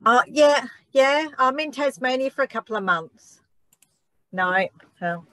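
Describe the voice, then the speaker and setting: Female online workshop attendee, casual chat, slightly high pitch, dry sound. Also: lively intonation, unhurried, bright, forceful tone, no room sound. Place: online call. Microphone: video call microphone.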